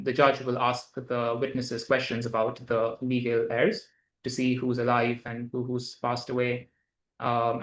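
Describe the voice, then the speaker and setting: Lawyer guy on a call, monotone, lots of uhs and restarts, echoey room. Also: medium pitch. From Dubai. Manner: hesitant, many fillers and restarts. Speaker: lawyer guest. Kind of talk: explanatory interview answers. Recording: roomy echo.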